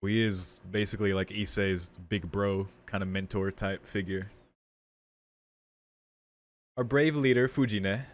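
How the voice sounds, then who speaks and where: With game music in the background, this visual novel let's play host speaks in a low-leaning, steady voice, unhurried and pausing often. He offers casual remarks and reads the characters' lines aloud.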